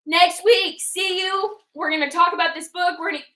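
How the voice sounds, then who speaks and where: A woman's voice: very high-pitched, fairly even intonation, normal speed, pushed and bright, roomy sound. A woman co-hosting a casual book club chat in a playful, giggly way. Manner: playful, giggly, wraps up the show.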